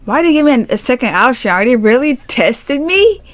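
A chatty woman reads a romance story game aloud and gushes over it. She giggles often and talks to her viewers in a casual, excited way. Her voice sits in a middle range. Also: sits high, fast talker, soft background music. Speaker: gaming YouTuber.

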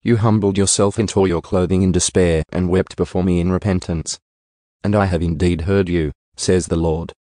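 A man giving a steady, measured scripture reading into a close studio mic. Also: sits low, no room sound. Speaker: Bible reader.

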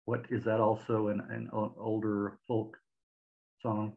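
A man hosts a video-call interview from a home room lined with record shelves, asking friendly but hesitant questions full of repeated words. His voice is on the low side and gravelly, with a completely flat, unhurried delivery. The webcam mic makes the call audio tinny and phone-like.

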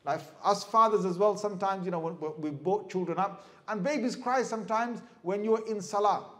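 A middle-aged man giving a lively sermon as an Islamic preacher, asking the audience questions and acting out crying babies. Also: high-pitched, moderate pace. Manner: animated, asks the crowd questions, mimics crying babies.

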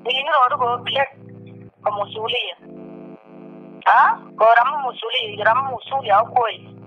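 A man leaving a voicemail after the tone, rambling in quick bursts, heard as a muffled distant phone message. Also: very high-pitched, faint music behind. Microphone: phone line.

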